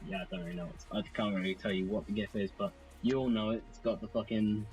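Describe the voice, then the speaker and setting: A man with a fairly low voice talks through a game in a loose, rambling way, poking fun at himself as he goes. Soft music plays quietly in the background. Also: steady tone, fast, rough recording. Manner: rambling, self-deprecating, chatty. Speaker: let's play host. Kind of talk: casual game commentary.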